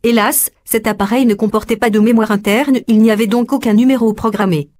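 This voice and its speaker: Woman reading a story out loud, voice a bit on the high side, steady pace. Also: fairly quick. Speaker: narrator. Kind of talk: scripted story narration.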